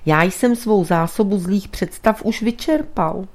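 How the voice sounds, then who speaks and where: In a storybook reading, a woman voices a big, blunt man who grumbles and scoffs. His retorts come gruff and impatient, lifted somewhat above her deep narrating tone. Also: lightly acted. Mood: puzzled. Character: burly blunt male companion, skeptical and impatient.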